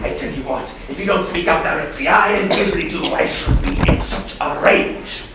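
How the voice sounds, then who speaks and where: Brief: actor as a choleric old baronet, high and lively, barking orders, stage play caught in an echoey hall from far off. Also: male voice, normal speed, vocal fry, very noisy. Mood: blustering. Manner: bellowing, impatient, theatrical stage delivery. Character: blustering, hot-tempered old male baronet.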